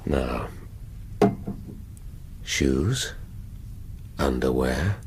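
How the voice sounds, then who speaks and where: An actor playing a middle-aged English police inspector in a radio drama, wry, pedantic and a little hesitant. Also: male voice, rumbling low, expressive, very slow, a little hiss or hum, exaggerated voice. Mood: musing. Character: male police inspector in hospital, wry, pedantic, distracted, flirtatious.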